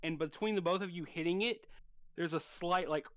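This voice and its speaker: Man narrating a tabletop game, higher-pitched. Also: moderate pace, a bit bright, clean tone, no echo. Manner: loose, filler-heavy narration. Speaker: dungeon master.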